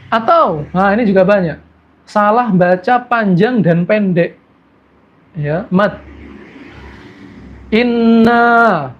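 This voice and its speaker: A male Islamic preacher gives a religious lecture, asking rhetorical questions and answering them himself, and slowly draws out Arabic recitation examples. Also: high-pitched, muffled recording.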